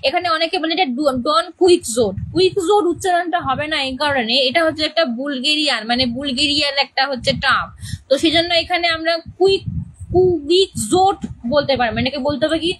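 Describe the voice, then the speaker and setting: High-pitched woman, English teacher, explains a play's characters, repeats key terms, checks understanding. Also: a little fast, fairly bright tone, rough recording.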